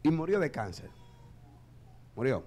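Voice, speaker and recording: A male pastor, preaching a sermon in church and swinging between shouted peaks and quiet low asides. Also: sing-song, a little slow, breathy edge.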